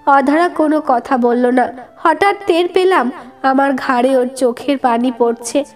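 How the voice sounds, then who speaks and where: A woman's voice: sits high, a little slow. A woman reading a first-person story aloud with emotive, dramatic narration. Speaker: story reader. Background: faint background music.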